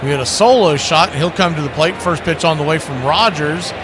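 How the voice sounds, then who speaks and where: Brisk and on the high side, a male play-by-play announcer delivers live radio baseball commentary full of folksy, colorful turns of phrase. Clear outdoor ambience can be heard behind him.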